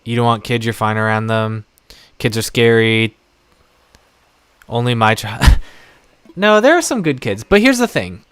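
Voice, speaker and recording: A young adult man streaming live and chatting off the cuff, rambling from one thought to the next. His voice is smooth and resonant at a middle pitch. He sounds close to a desk mic. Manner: chatty, rambling, warm toward viewers. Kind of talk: casual live-stream chat.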